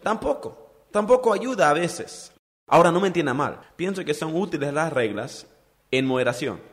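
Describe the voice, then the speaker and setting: A man's voice: fairly high pitch, animated, normal speed, long reverb tail. A man preaching a sermon, asking the congregation rhetorical questions and acting out quoted voices. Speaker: pastor.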